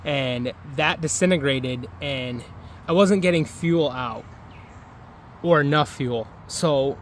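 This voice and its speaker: Vlogger, man, 30s: slow, rambling, casual; handheld camera outdoors, faint ambience. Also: fairly high pitch, a little hiss or hum. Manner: laid-back, rambling with fillers. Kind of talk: casual vlog walkthrough. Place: outdoor yard by woods. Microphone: handheld camera at arm's length.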